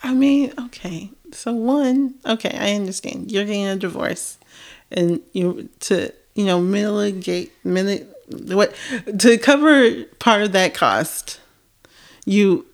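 Talkative woman co-host, mid-pitched, rambling casual opinions. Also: takes it slowly. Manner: chatty, rambling, thinks aloud with many fillers. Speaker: podcast co-host. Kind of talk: casual chat.

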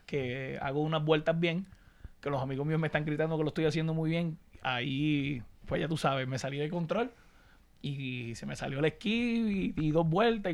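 A Puerto Rican man, a podcast co-host, telling an animated story in casual chat. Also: fairly high pitch, vocal fry. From Puerto Rico. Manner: animated storytelling, quick, with restarts.

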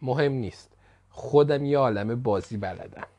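A man's voice: mid-range voice, mellow, no room sound, natural voice. Man doing a stern scolding dad. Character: stern father, impatient.

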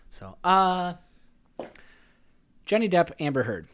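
A man's voice: high voice, very animated, slow, a bit bright. Laid-back man co-hosting, slight sore throat. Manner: playful, laughing easily. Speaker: podcast co-host. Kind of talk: casual chat.

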